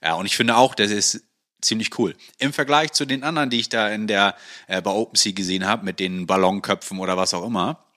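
A man's voice: lowish voice, fairly quick, pushed and bright. A man co-hosting a podcast in casual chat, teasing and hesitant, with fillers. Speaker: podcast co-host.

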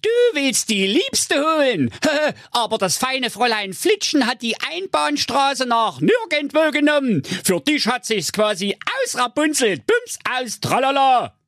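Brief: snide wicked old crone, done by a man, high and husky, comic storybook. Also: animated, a little slow, hardly any pauses, sharp tone, dry recording, studio quality, heavily acted. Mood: scornful. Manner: snide, scornful. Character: wicked old woman, a spiteful jailer.

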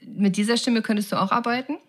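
A woman's voice: fairly high pitch, fairly even intonation, quick pace. A woman hosting a podcast, asking curious follow-up questions. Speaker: podcast host. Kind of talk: podcast interview.

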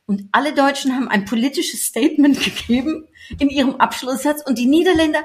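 A woman's voice: high voice, fairly quick. A woman hosting a casual interview, chatty and asking open questions. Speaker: podcast host.

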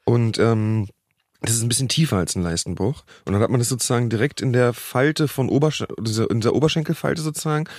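A man's voice: mid-range voice, a little fast, a little mellow, no room sound, clean studio sound. A man co-hosting a podcast, talking candidly in a rambling casual chat. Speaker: podcast co-host.

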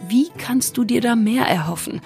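A woman's voice: fairly high pitch, moderate pace, a little mellow, soft background music, voice pushed up. A woman voicing an old knight father in a fairy tale, loving yet stern as he refuses his daughter. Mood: fond refusal. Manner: affectionate then gruff.

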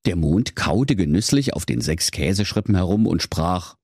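A man narrates a comic fairy tale in a mock-solemn storybook tone. His voice is low and husky, with a very wide swing of pitch. The sound is close and dry. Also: expressive, normal speed, darkish tone, no room sound.

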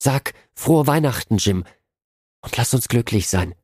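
A man's voice: on the low side, lively intonation, measured pace, darkish tone, slightly rough, dry recording, clean studio sound. A man reading a storybook voices a young wife who pleads with her husband through tears and then turns tender. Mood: pleading. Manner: sobbing, pleading.

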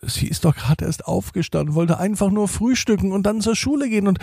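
A man narrating a children's story in a slow, expressive storytelling manner. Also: sits high, vocal fry, husky, no room sound, studio quality.

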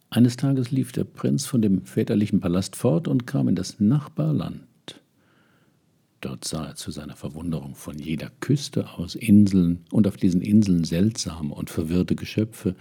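In a reflective spoken essay, an older man tells a story and muses while addressing listeners head-on. He talks at a moderate pace in a low, mellow voice that's slightly rough and carries vocal fry.

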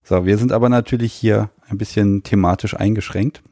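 Male podcast interviewer: low, creaky, mellow voice, casual delivery, dry sound. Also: steady tone, brisk, no room sound. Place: guest's living room.

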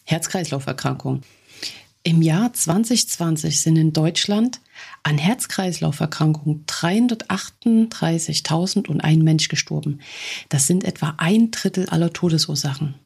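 A woman hosting her own podcast in a chatty, encouraging monologue aimed right at the listener. Her voice is gravelly and husky, with a breathy edge at a middle pitch. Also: normal speed, a little mellow. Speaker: podcast host. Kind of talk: scripted podcast monologue on healthy eating.

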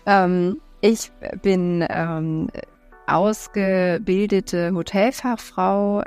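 A woman in her thirties from Berlin, talking casually as a podcast guest, thoughtful and full of filler sounds and pauses. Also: lowish voice, a little mellow. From Berlin, Germany. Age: 30s. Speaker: podcast guest, real estate investor. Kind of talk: casual interview talk.

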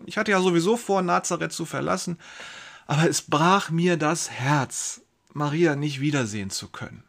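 A man's voice: a little high, normal speed, gravelly, a bit bright. A man playing a pious, anxious young carpenter, telling his story in first person with emotional swings between brooding and outbursts.

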